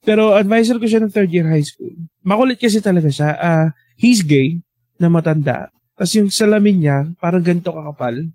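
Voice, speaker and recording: A man's voice: sits high, normal speed, darkish tone, no echo. A man, telling school stories in a casual chat and animatedly voicing the people he quotes.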